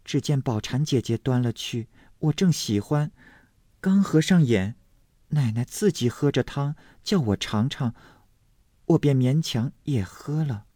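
A man voicing a meek, sickly young maid who speaks in a soft, hushed, plaintive way. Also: medium pitch, animated, measured pace, no echo, studio quality, pitched above the performer's own voice. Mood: timid.

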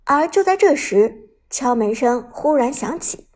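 A woman narrating a serialized novel as an audiobook, in a steady, even storytelling manner. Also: high-pitched, measured pace, background noise.

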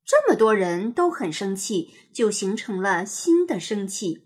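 A woman with a medium-pitched, slightly breathy voice reads a children's picture book aloud at an unhurried pace. Her storytelling is expressive and sing-song.

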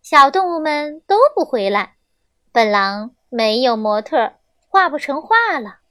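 A young woman reading a children's story aloud, gentle and expressive, on a close mic. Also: sits high, a little slow, dry recording.

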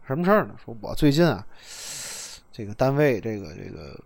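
A man telling casual anecdotes in a chat, animated and laughing, swinging between loud and soft with coarse slang. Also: mid-range voice, brisk, gravelly. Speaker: storyteller host.

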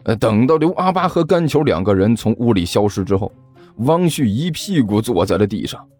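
Animated male audiobook narrator. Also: on the low side, moderate pace, faint music behind. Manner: animated storytelling.

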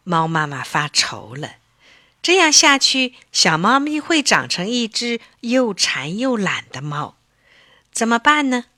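Woman narrating a children's story, bright voice, dry close sound, slow and expressive. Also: on the high side, dry recording. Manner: expressive, deliberate.

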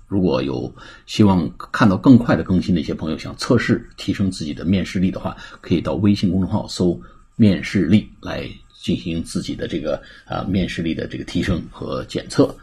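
A man hosting an English lesson podcast, leading slow repeat-after-me drills and using many filler sounds. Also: low-pitched, mellow, breathy edge. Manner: frequent filler sounds between phrases. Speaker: English teacher and podcast host.

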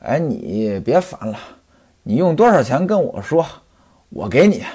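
A man's voice: mid-range voice, big pitch swings, a little slow, mellow, breathy edge. A man voicing a rich, blustering male patron who teases and scolds his friend. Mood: teasing. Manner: teasing, scolding.

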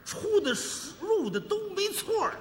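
A man performs crosstalk comedy, telling a boastful story in a high voice. The pitch leaps around with animated energy. The sound has the long reverb of a large hall and a faint hum of ambience behind it. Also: measured pace.

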